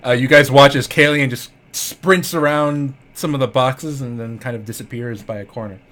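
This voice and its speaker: A man's voice: medium pitch, steady tone, moderate pace, fairly bright tone. A man acting as game master, narrating the action and directing players casually over an online voice call. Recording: faint background noise.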